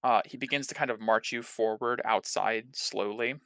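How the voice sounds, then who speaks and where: A man narrating as game master, relaxed and hesitant, with many fillers. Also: on the low side, moderate pace, creaky, clean tone, dry recording.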